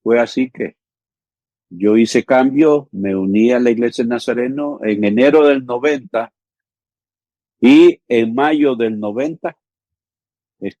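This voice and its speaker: This earnest pastor from El Salvador, in his fifties and working as a theological education coordinator, talks in a conversational interview, often checking in with "¿sí?" and "ujú". His warm, mid-range voice moves slowly with long pauses. The recording is dry and lo-fi.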